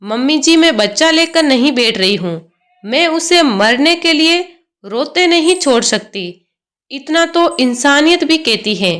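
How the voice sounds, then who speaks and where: A woman's voice: high-pitched, measured pace. A woman voicing a firm, protective young mother. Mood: resolute. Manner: calm, resolute, pleading.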